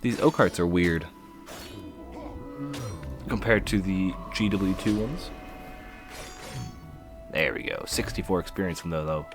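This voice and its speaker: A man's voice: deep voice, a little slow, long pauses, music in the background. A man giving casual, playful commentary while streaming a game, laughing and humming to himself as he plays.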